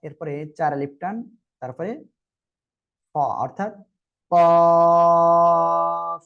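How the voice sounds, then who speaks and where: Quran teacher, online group class, patient, drawn-out letter sounds, mid pitch, dull lo-fi audio. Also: animated, faint music behind. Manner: asks the group to repeat together.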